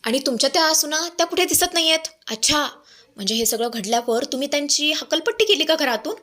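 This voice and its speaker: A woman's voice: sits high, expressive, quick pace, bright, forceful tone, voice pushed up. A woman voicing a pushy, prying TV news reporter who badgers a family with insistent questions. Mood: badgering.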